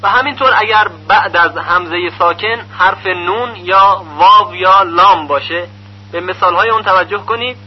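A man with a fairly high voice teaches Quran recitation in a calm, methodical way. He explains each pronunciation rule patiently, step by step. The recording is muffled and lo-fi, with a faint hum underneath. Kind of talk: instructional lesson.

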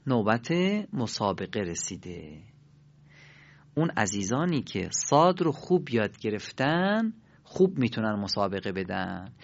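A man teaching Arabic letter pronunciation and prayer phrases, with quick explanations and slow drawn-out demonstrations for learners to repeat. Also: mid-range voice. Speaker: Quran recitation teacher. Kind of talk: pronunciation lesson with call-and-response drills. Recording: dull lo-fi recording.

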